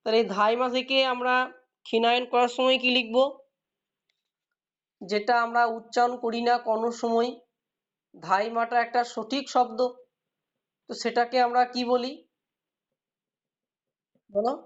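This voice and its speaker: This slightly high-voiced teacher speaks in a level tone at a measured pace, pausing often. She patiently explains her lesson to the class, quizzing students and praising what they answer. The audio is lo-fi and dull.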